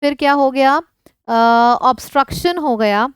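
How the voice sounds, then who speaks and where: A woman's voice: high-pitched, moderate pace, dry recording. A woman teaching an online vocabulary lesson, explaining words in Hindi mixed with English and checking in with her students often.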